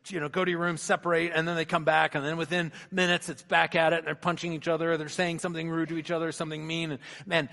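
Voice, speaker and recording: A middle-aged pastor preaches in a hall with a long, lingering reverb, his voice sitting a little high for a man. He tells stories and slips into voices as he quotes people, moving between hushed lines and louder ones. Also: little pitch movement, fast, creaky, few pauses. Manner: storytelling, acts out voices in quotes. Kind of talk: sermon.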